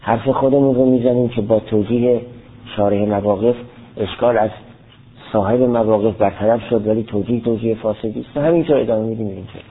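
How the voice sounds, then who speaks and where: A man's voice: fairly low pitch, steady tone, slightly rough. A man giving a lecture that reads aloud a classical Arabic text and explains it line by line. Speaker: teacher of theology and logic. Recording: tinny phone-like recording.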